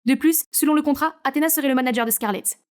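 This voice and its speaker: A woman narrating an animated storybook video, with a high voice and a fast delivery. She adds brisk, chatty asides to the listener between story beats.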